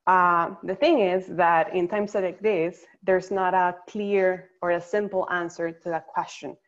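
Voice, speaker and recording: A woman from Venezuela, a psychologist, presenting slides on a webinar in a measured, explanatory way. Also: lowish voice, fairly even intonation, lo-fi sound. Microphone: video call.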